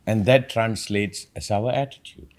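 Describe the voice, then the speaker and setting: A man hosting a reflective talk, an animated storyteller who acts out quotes as he rambles through his points. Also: lowish voice, a little slow. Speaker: podcast host.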